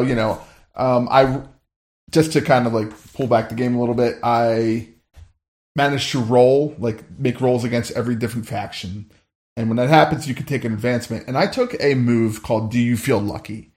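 A man's voice: medium pitch, normal speed, a little mellow. Informal, meandering man at the game table. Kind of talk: casual game-table chat.

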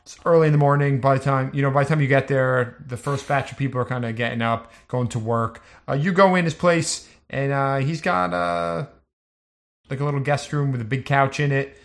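A man's voice: mid-range voice, fairly quick, vocal fry. A man running a tabletop game as game master, narrating scenes in a casual, loosely improvised, conversational way.

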